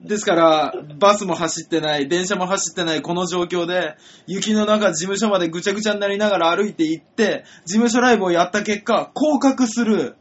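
A man with a husky voice, a comedian co-host, gives wordy, self-justifying explanations in comic banter. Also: high-pitched, brisk, few pauses. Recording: dull lo-fi audio with music behind.

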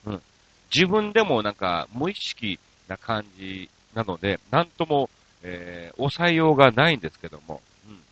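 A man's voice: on the low side, sing-song, moderate pace, a bit bright, no room sound. Kansai guy doing a radio show, jokey and self-mocking, voice jumps all over, kinda muffled dry mic. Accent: Kansai mixed with standard Tokyo speech. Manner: playful, self-mocking comic banter. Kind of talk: casual radio talk reading listener mail.

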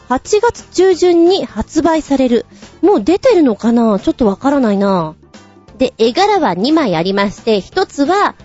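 Lively, high-voiced female radio host. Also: husky. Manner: chatty, giggly, quick asides. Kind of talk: casual chat reading listener messages. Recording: muffled lo-fi with faint music.

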